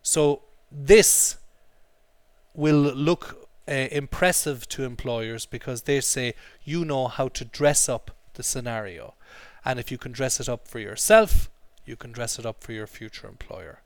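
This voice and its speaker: A man leads an English lesson, explaining words and having the class repeat phrases after him. His voice is mid-pitched, and the recording sounds dry and close. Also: a little slow, no echo. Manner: drills pronunciation, repeating phrases for students. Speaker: English teacher.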